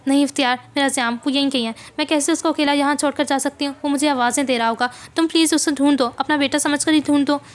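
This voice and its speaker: A woman's voice: high-pitched, fairly even intonation, quick pace, hardly any pauses, close to an everyday voice. A woman voicing a desperate young mother who pleads for help to find her lost son. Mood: pleading. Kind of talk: novel reading.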